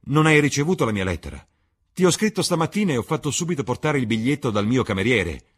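A man voicing a worldly, cynical male aristocrat, calm and persuasive, in an audiobook reading. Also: mid-range voice, fast talker, breathy edge, voice pushed up. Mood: grave. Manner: suave, composed, persuasive.

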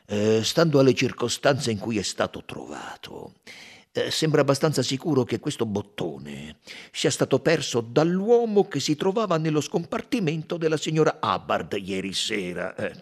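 Man voicing a questioning rail director, hesitant fillers, husky, animated pitch, audiobook. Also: normal speed. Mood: probing. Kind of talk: audiobook reading.

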